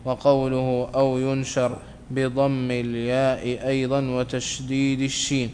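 Man reading in a flat monotone. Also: medium pitch, a little hiss or hum. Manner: flat, measured recitation. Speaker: student reading a text aloud. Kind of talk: reading a classical religious text aloud.

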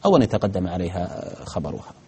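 A man's voice: low voice, big pitch swings, fast, darkish tone, slightly rough. A man teaching grammar on a broadcast lesson, answering viewer questions methodically, step by step, with frequent hesitations.

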